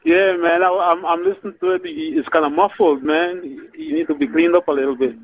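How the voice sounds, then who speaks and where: A man calls in by phone for a casual live interview. His fairly high voice is crackly with fry and jumps around in pitch, and he tends to repeat his phrases informally. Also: lively intonation, fairly quick. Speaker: cafe owner calling in as guest. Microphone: phone call.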